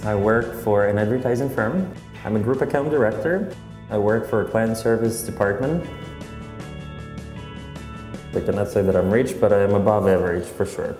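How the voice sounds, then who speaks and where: A young man from Kyrgyzstan telling his life story calmly in a documentary interview, with some fillers. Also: on the low side, normal speed, pauses often, music in the background. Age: young adult. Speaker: advertising account director.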